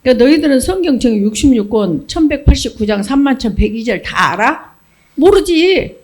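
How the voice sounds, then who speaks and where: A woman's voice: sits high, a little fast. A middle-aged woman giving a children's sermon, telling the story with questions to the kids and acting out the voices. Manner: animated storytelling, acts out characters, asks children questions. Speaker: children's pastor.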